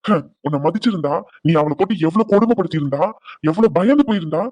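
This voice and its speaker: A man's voice: high voice, lively intonation, fast talker, darkish tone, dry recording. A man voicing a protective older cartoon father who soothes his daughter and scolds her husband. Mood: angry. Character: protective older father, fierce toward his son-in-law.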